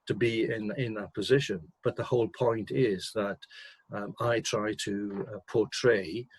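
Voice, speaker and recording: An older man, a managing director, answering interview questions in a measured, hesitant way, clearing his throat between points. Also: fairly low pitch, steady tone, no echo, rough recording.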